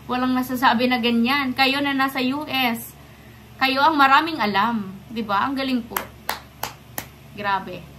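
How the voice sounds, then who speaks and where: Speaking at normal speed in a high, pushed, bright voice, a young woman from the Philippines rants straight to camera with indignant rhetorical questions, polite but defiant. There's a little hiss or hum in the recording.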